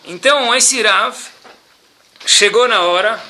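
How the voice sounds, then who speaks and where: A man telling a religious story in an animated sermon style. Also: high voice, slow. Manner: lively, animated storytelling with Hebrew terms.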